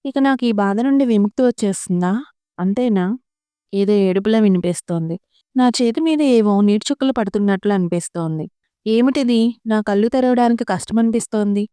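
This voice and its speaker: A woman reading a heartfelt family story aloud in the first person, in a calm and steady storytelling manner. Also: mid-range voice, moderate pace, clean tone, dry recording, clean studio sound. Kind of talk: scripted first-person audio story narration.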